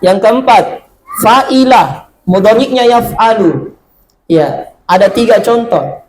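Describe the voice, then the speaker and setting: A man teaching an Arabic grammar lesson, drilling verb patterns and answering his own questions, drawing out each Arabic word slowly. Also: high voice, slight background noise, poor audio. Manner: slow, drawn-out reading of Arabic words. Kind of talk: classroom lesson.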